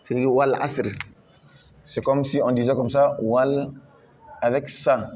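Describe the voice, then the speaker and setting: A man's voice: medium pitch, flat delivery, darkish tone, slight background noise. A man teaching Quran recitation in French, patiently repeating each word and drawing out the recited syllables. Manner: slow, repeats words many times, drawn-out recitation.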